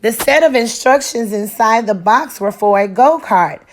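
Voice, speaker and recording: Reading a children's picture book out loud, a woman with a voice on the high side tells the story deliberately and expressively, much as a teacher would for her class.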